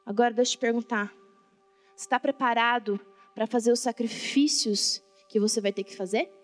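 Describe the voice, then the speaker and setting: A woman's voice: fairly high pitch, fairly even intonation, normal speed. A Brazilian woman preaching with fervent, colloquial energy, constantly questioning her congregation. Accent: Brazilian Portuguese. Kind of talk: sermon. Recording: reverberant hall, faint background music. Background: faint music.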